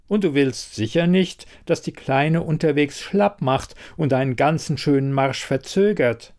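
Brief: man doing an old wise-woman healer, raised voice, calm, unhurried, storybook. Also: on the high side, pitched above the performer's own voice. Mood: calm, firm. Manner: calm, quiet, measured.

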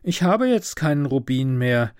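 A man reading a storybook aloud, voicing a kind, sorrowful prince statue in an earnest, gently insistent voice. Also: medium pitch, sing-song, a little slow, dry recording, studio quality.

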